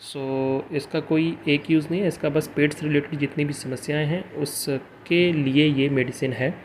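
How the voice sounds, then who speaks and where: A man reviewing a tablet on his channel, explaining it step by step, pausing often and mixing English terms into Hindi. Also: a little high, fairly even intonation, a little hiss or hum. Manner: halting, many fillers and restarts, mixes English into Hindi. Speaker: pharmacy vlogger.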